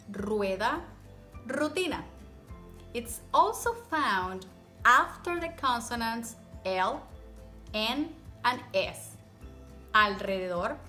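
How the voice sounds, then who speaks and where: Female language teacher, bright and slow-paced, encouraging, demonstrates rolled r sounds in example words. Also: on the high side. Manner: encouraging, step-by-step, repeats example words slowly. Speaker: Spanish pronunciation teacher. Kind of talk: instructional language lesson to camera.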